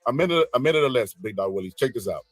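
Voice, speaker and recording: Host guy running a call-in debate, talks fast, slangy, kinda husky. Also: medium pitch, animated, no room sound, soft background music. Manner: slangy, teasing, quick to call on callers. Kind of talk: moderating a live political debate.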